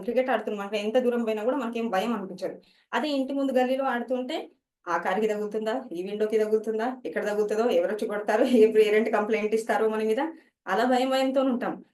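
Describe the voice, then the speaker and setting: A woman's voice: a little high, a little mellow, far from the mic. A woman teacher, explaining study skills to students and mixing English words into her talk.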